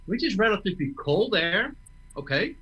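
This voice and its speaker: A man's voice: sits high, very animated, moderate pace, bright, forceful tone, breathy edge, dull audio. A man teaching tuba breathing in an online master class, explaining step by step and often checking in with "okay?". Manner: explains step by step, restarts words, asks "okay?".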